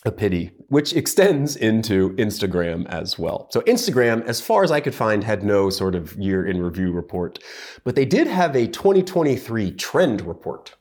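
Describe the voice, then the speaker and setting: A man with a fairly low voice co-hosts a podcast. He talks through material in a casual, analytical way, with thoughtful pauses and plenty of fillers. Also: big pitch swings, a little mellow. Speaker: podcast co-host.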